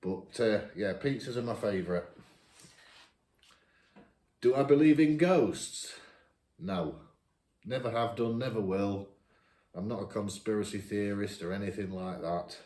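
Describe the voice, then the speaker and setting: A man in his fifties with a northern English accent, chatting casually as he answers viewer questions, each read out brighter. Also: fairly low pitch, measured pace, long pauses, echoey room. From England. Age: 50s. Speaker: vlogger. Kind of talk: casual Q&A chat.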